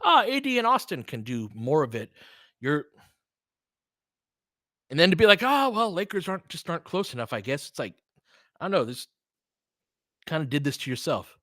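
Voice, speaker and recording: Sharp-toned and on the high side, this male host's voice swings widely in pitch as he moves at a moderate pace with long pauses. He delivers casual, opinionated basketball play-by-play and analysis with some mild profanity, recorded at studio quality with no room sound.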